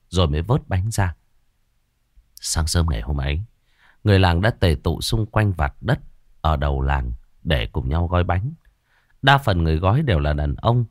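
Deep-voiced male ghost story narrator. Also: dry recording, studio quality.

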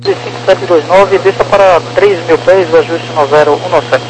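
A man's voice: high-pitched, steady tone, moderate pace. A Brazilian man working as an air traffic controller, giving clipped instructions over an aircraft radio. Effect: aircraft radio transmission. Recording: noisy aviation radio with hum.

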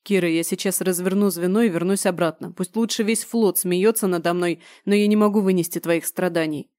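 A young space general, guilt-ridden and devoted, coaxes his wife in a soft, pleading tone, as a woman reads him in an audiobook. His voice sits low and mellow. The recording is close and dry, with no room around it. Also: steady tone, a little fast, no room sound, close to an everyday voice. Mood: tender. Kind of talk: audiobook narration.

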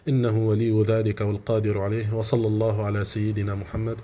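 Male grammar teacher, lowish voice, patient and repetitive, faint hiss behind. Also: completely flat delivery, dark tone. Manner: repeats examples slowly, with many "aah" fillers. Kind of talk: classroom grammar lesson.

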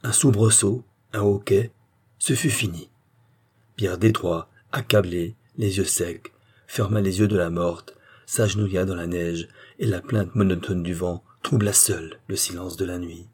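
A man reads a short story aloud with measured, expressive delivery. His voice is low and somewhat husky. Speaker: narrator. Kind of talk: dramatic reading of a short story.

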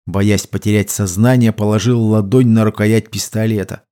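A man narrating an audiobook in a steady, measured storytelling manner. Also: on the low side. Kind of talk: scripted narration.

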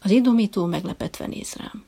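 Woman audiobook narrator, wry storytelling, light fry, mid pitch. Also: dark tone. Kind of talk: scripted narration.

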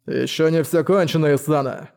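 Man narrating a hard, menacing father figure who snarls threats; warm mellow tone. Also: a little high, steady tone, normal speed, vocal fry.

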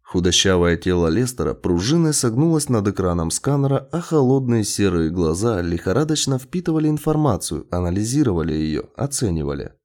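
A man narrating a science fiction story in an expressive audiobook reading. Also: lowish voice.

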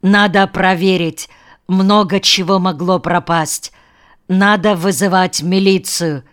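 Woman reading as an indignant cafe director man, rapid-fire questions, smooth clear voice. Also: lowish voice, steady tone. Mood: suspicious. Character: indignant male cafe director, fussy and suspicious.

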